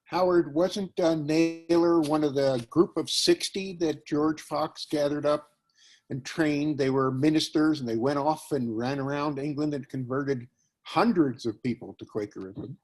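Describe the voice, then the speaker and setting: A man taking part in an informal class discussion, adding his own points in a measured way. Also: fairly high pitch, steady tone, darkish tone. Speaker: class participant.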